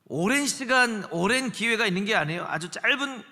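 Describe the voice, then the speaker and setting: Man, pastor, sermon, high pitch, long hall reverb. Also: expressive, fairly quick, bright, forceful tone. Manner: dramatic preaching, acting out quoted voices. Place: large church sanctuary.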